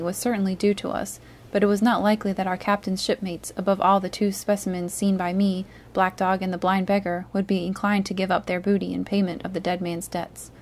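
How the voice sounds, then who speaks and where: Calm woman reading a classic aloud. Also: mid-range voice. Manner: calm, soothing, even. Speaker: storyteller.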